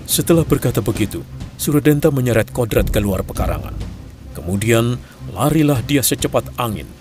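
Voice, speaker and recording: A man at a middle pitch carries the story of an old-time radio play, measured and even in his telling. A musical score plays clearly beneath him. His delivery is composed and steady. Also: over music. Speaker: narrator.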